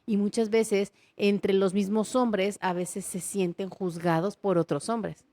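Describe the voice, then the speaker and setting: A woman's voice: mid-range voice, little pitch movement, takes it slowly, warm tone, no echo. A woman psychologist explaining ideas on a podcast, guiding and often checking that she is understood. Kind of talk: conversational podcast chat.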